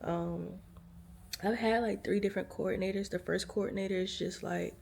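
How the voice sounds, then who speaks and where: Chatting to viewers from her hospital room, this worn-out American vlogger tells casual stories to the camera, calls everyone "y'all" and uses lots of fillers. Her medium-pitched voice is gravelly and darkish, with fairly even intonation at a normal speed and slight background noise.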